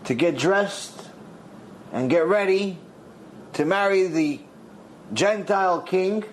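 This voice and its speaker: A man's voice: slow pace, a little hiss or hum, rough recording. A rabbi telling a dramatic story in a sermon, acting out the characters' lines as he goes. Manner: dramatic storyteller, voices the characters with big pitch swings.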